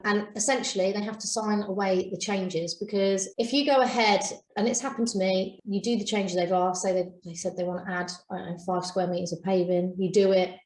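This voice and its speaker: A woman's voice: medium pitch, steady tone, fairly quick, few pauses, darkish tone. A woman co-hosting a business podcast, giving firm, practical advice. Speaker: podcast co-host. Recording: echoey room.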